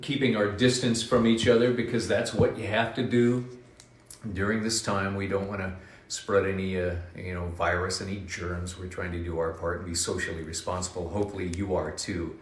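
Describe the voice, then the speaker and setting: A man hosting a live children's book reading from his home, telling the story in an animated, sing-song way. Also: fairly low pitch. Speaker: radio host reading to kids. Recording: roomy home echo.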